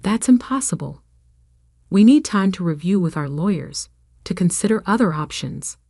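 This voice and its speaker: A woman's voice: fairly low pitch, lively intonation, normal speed, warm tone, dry recording, studio quality. A woman reading a shaken, proud old father. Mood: alarmed. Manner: rough, strained. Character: proud aging father, shaken and rough-voiced.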